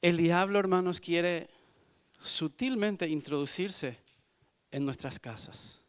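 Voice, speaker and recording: A man in his forties, a visiting missionary, giving an earnest sermon testimony in church, moving from hushed to loud. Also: high-pitched, slow pace, clear, resonant tone. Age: 40s.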